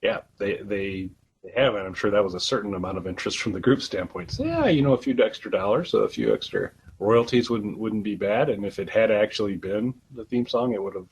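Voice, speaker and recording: A man's voice: on the low side, very animated, fairly quick, a little hiss or hum, low-quality recording. A man co-hosting a casual album review podcast, talking in a hesitant way with many restarts. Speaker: podcast co-host.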